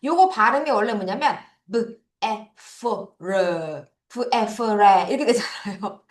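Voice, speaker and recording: Lively Korean woman drilling English words. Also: on the high side, echoey room. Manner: drills words, repeating and correcting pronunciation. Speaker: English teacher. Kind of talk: vocabulary lesson for children.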